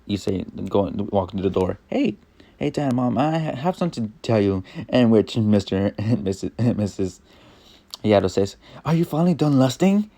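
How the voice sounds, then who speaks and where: Low, gravelly young man rambling. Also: warm tone. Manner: rambling, halting, many fillers and restarts. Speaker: fan fiction reader. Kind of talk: improvised fan fiction narration.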